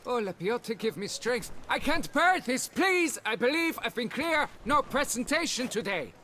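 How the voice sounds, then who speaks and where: A man's voice: very high-pitched, big pitch swings, normal speed, sharp tone, slight background noise, exaggerated voice. A male actor playing a self-important, florid exhibition keeper in a video game, with theatrical delivery. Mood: exasperated, eager.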